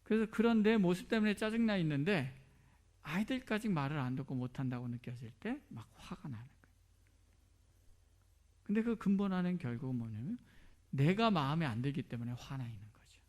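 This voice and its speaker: A man's voice: on the high side, expressive, fairly quick, darkish tone. A middle-aged man preaching a sermon as a pastor, asking rhetorical questions and dropping to near whispers.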